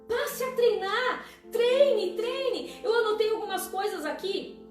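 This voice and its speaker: A woman's voice: very high-pitched, normal speed. A woman preaching a conversational sermon on a live stream, often asking the listener "tá?". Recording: echoey room, distant mic, faint music.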